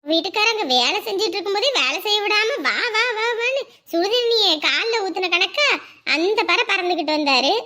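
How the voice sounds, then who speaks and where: Actress as a chatty neighbour, very high bright voice, teasing. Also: female voice, lively intonation, moderate pace, exaggerated voice. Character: neighbour shopkeeper woman, chatty and sensible. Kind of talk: comedy sketch acting.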